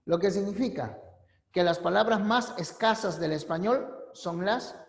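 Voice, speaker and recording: A man teaching a language class, explaining rules slowly and emphatically and repeating the key points. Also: high voice, creaky. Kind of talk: recorded class lecture. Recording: echoey room with long reverb.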